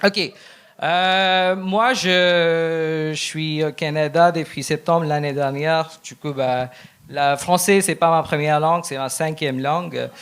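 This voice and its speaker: A young man from India, a Telugu speaker, doing a deadpan, self-deprecating stand-up set. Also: fairly high pitch, slow pace, a little hiss or hum. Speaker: stand-up contestant.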